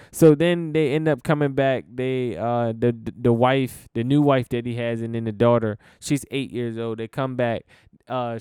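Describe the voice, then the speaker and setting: A man's voice: medium pitch, mellow, smooth, dry recording, studio quality. A young American man hosting a casual solo podcast, rambling and laid-back with many fillers and restarts, swearing casually. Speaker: podcast host.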